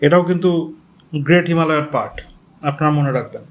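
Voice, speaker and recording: Bengali guy teaching geography, slightly high voice, spells stuff out, keeps asking "ok?". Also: quick pace. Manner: explains step by step, spells names out, checks in with "okay?". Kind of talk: geography lecture.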